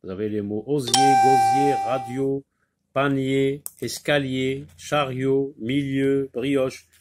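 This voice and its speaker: Slow, deliberate male reading teacher. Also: medium pitch, level tone, a little mellow, a little hiss or hum. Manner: slow and deliberate, repeating each word and syllable. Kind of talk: French reading lesson.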